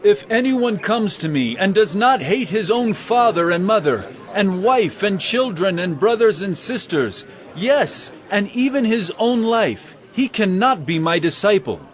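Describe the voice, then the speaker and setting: An actor playing Jesus as an earnest teacher of parables in an audio drama, speaking in measured, emphatic oratory. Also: male voice, sits high, lively intonation. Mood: solemn, challenging. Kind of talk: audio drama Bible acting.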